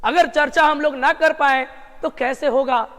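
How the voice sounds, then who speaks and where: High-voiced chatty grammar teacher, reverberant. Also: male voice, steady tone, unhurried, fairly bright tone. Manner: chatty, repetitive, addresses students as brother and friend. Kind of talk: exam-prep grammar lesson.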